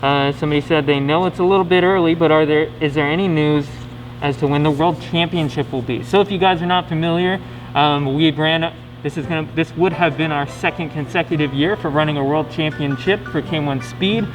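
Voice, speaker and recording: A man's voice: on the high side, a little fast, rough recording. A man hosting a casual question-and-answer video, chatting informally and often tagging sentences with questions. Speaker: company video host. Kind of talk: casual scripted-outline Q&A to camera. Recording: steady music behind the voice.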